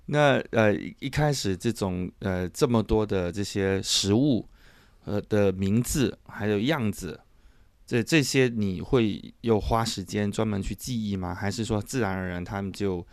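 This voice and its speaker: A man from southern China speaks as an interviewer in a conversational style. His voice is fairly low and recorded dry, without room sound. He winds through long questions, pausing to find words and adding modest remarks about himself. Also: no room sound. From Chaoshan, southern China.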